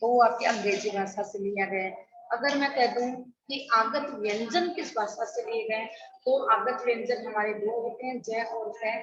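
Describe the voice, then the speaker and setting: A woman's voice: on the high side, steady tone, moderate pace, crowd noise. A middle-aged woman teacher giving an online class, drilling correct spellings by contrasting wrong and right forms and asking questions she then answers herself. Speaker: school Hindi teacher. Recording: echoey, distant, dull online class audio.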